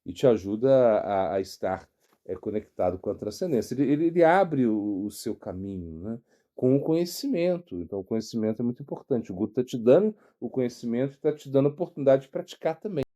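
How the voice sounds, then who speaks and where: Brazilian man, middle-aged monk; lively pitch, mellow tone, unhurried sermon storytelling. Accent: Brazilian Portuguese. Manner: unhurried storytelling, searching aloud for words. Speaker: monk and spiritual teacher. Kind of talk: devotional sermon.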